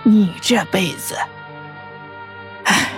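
A woman voicing an aged, stern noble mother who scolds her son in a slow, reproachful, trembling voice in a fan audio drama. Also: mid-range voice, soft background music. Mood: grieved. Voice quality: breathy, trembling.

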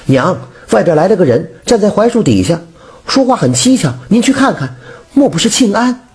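A bold young village woman with a quick, scolding tongue, as a male storyteller puts her on. The voice rides high and swings widely in pitch, yet stays deeply husky, with faint music behind it. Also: very animated, darkish tone, heavily acted. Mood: uneasy. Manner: raised pleading and scolding tones.

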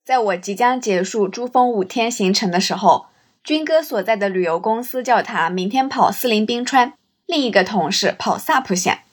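A woman's voice: medium pitch, moderate pace, slightly rough. A woman hosting and narrating a scripted first-person travel story in a reflective, literary way. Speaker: storyteller and host.

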